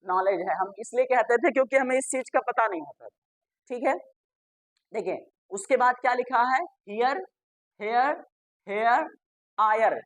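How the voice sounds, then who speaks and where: A woman's voice: a little high, animated, a little slow, long pauses. A woman teacher. She gives a classroom grammar lesson, spells words out letter by letter and repeats them, and asks the class questions that she then answers herself.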